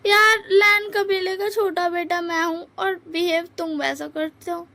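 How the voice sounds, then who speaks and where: A woman's voice: extremely high pitch, little pitch movement, a little slow, gravelly, sharp tone, pitched above the performer's own voice, heavily acted. A woman voicing a carefree young nobleman who coaxes and insists in a breezy way. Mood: coaxing.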